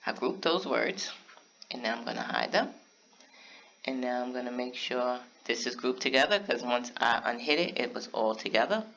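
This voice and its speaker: A man casually narrating a step-by-step craft software tutorial, talking straight to his viewers. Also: mid-range voice, creaky, lo-fi sound. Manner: casual step-by-step explaining, talks to viewers directly.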